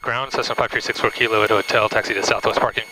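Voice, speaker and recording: A man's voice: lowish voice, steady tone, fast. A man piloting a small plane, talking as a pilot over the radio and casually to himself from the cockpit. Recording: noisy cockpit, engine and radio sound.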